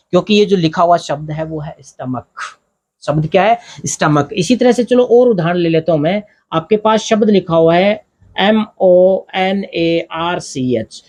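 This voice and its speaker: A man with an Indian accent teaching English grammar at a board, asking questions and answering them himself, step by step. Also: high voice. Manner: explains step by step, asks and answers his own questions. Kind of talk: blackboard grammar lesson.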